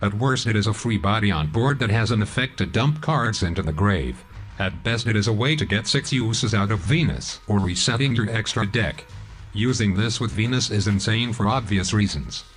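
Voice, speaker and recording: This is a synthetic male text-to-speech voice, pitched a little low, reading a scripted walkthrough at a steady, even clip. Faint music plays underneath throughout. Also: normal speed. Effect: text-to-speech robot voice. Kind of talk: scripted card game deck explanation.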